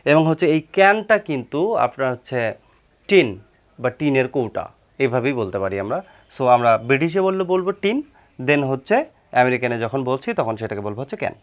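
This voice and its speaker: A man's voice: mid-range voice, sing-song, fairly quick. A man explaining vocabulary as a teacher, repeating words and leaning on the filler "হচ্ছে". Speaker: English teacher.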